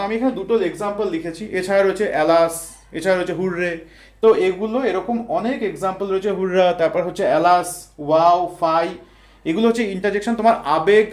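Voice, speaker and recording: A man teaching English grammar, explaining each point step by step with everyday examples and talking straight to his students. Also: high-pitched. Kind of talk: explanatory lesson. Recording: echoey room.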